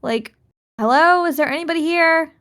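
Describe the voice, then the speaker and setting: Woman doing Junie, a panicked young woman shouting. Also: very high-pitched, slow pace, voice pushed up, full character voice.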